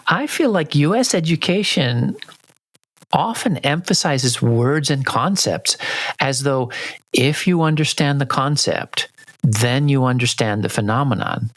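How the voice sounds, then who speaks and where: A man hosting a podcast, introducing guests and explaining ideas in a calm, explanatory way. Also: medium pitch, no echo. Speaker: podcast host. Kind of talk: podcast conversation.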